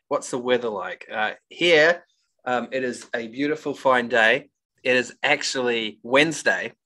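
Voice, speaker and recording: A man's voice: medium pitch, bright, forceful tone, rough recording. A man from New Zealand with a New Zealand accent, teaching a webinar over a video call and upbeat as he coaxes the audience to join in. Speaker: real estate trainer.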